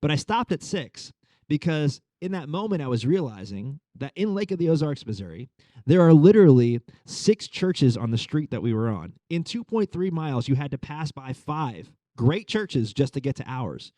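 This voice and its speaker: Mellow-voiced man in his thirties. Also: on the high side, sing-song, normal speed, no room sound. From Long Island. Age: 30s. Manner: conversational, frequent fillers like "like" and "uh". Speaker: pastor. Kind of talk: sermon storytelling.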